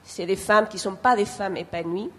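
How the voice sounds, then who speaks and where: A woman's voice: medium pitch, normal speed, breathy edge. A woman with a foreign accent, not a native French speaker, speaking earnestly and hesitantly off the cuff, repeating phrases as she searches for words. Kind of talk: spontaneous remarks at a public discussion.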